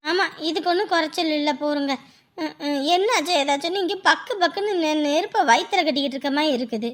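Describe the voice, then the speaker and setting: A woman's voice: high voice, quick pace, lightly acted. An actress playing a worried wife who scolds her husband over the phone. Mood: anxious scolding. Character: anxious, nagging wife on the phone. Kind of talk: family drama acting.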